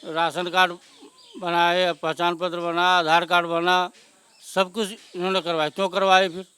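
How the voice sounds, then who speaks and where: Male resident, high bright voice, bitter and indignant street interview. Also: flat delivery, normal speed, clean tone, no room sound. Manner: resigned, then bitter and indignant. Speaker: local resident, temple priest. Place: outdoors at a demolition site.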